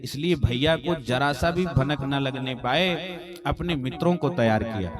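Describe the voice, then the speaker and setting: Slow, dramatic male katha preacher. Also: mid-range voice, crowd noise. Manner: dramatic storyteller, acts out characters' cries and pleas. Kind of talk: devotional storytelling sermon with sung Sanskrit verses. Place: live religious gathering. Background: musical instruments accompanying.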